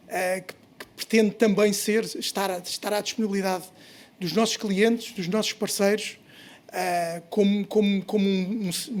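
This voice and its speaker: A man with a European Portuguese accent gives a hesitant, semi-spontaneous welcome speech as event host, often repeating words. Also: high voice. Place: office event space.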